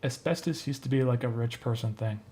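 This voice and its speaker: A man's voice: mid-range voice, a little fast, slight background noise. Laid-back man thinking aloud. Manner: relaxed, thinking aloud, trailing off. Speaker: animator and streamer. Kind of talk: casual chat while animating on a stream.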